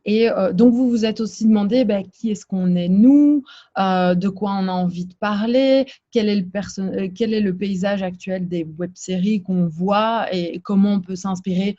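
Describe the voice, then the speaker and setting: A woman's voice: mid-range voice, moderate pace, dark tone, lo-fi sound. Belgian-born woman hosting an interview. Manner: guiding questions, summarizing the guest. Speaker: channel host and interviewer.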